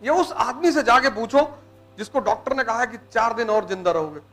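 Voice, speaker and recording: A man's voice: very high voice, lively intonation, moderate pace, a bit bright, faint music behind. A man giving a blunt, teasing motivational lecture to students in colloquial speech. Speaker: motivational teacher.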